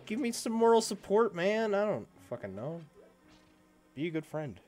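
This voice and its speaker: A man's voice: high-pitched, sing-song, moderate pace, a little mellow, soft background music. A man streaming a game while sick, groaning and poking fun at himself in casual chat. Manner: groaning, self-mocking complaints.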